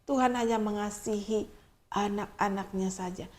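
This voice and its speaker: A woman preacher delivers a sermon with lively storytelling. She addresses the congregation directly and often, and her delivery swings between emphatic and hushed. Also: mid-range voice, normal speed. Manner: animated storytelling, often addresses listeners as brothers and sisters.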